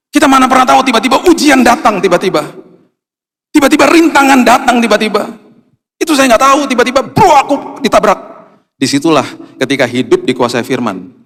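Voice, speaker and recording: A male pastor giving a lively, storytelling sermon in a casual, conversational way, acting out the dialogue. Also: high-pitched. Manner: lively, acts out dialogue, colloquial. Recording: long hall reverb.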